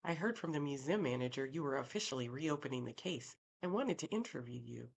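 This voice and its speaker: A woman doing a pushy young podcaster guy in his twenties, keen and eager, voice pitched up a bit, still fairly low. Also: lively intonation, a little fast, creaky, breathy edge, full character voice.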